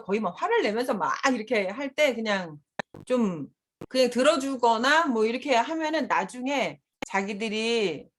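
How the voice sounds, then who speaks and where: Candid woman speaker, frequent laughter. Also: mid-range voice. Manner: candid, laughing often while recounting. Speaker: seminar speaker, mother and school principal. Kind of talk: conversational seminar talk.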